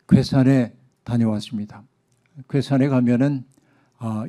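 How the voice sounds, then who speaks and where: A male pastor delivering a sermon in a measured, reflective way, with soft spoken asides as he tells a story. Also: medium pitch.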